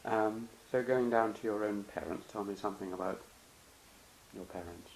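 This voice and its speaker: A man conducts a relaxed interview, gently prompting his guest with questions and the occasional light joke. His voice sits on the low side, with a faint hiss behind it. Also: normal speed, low-quality recording.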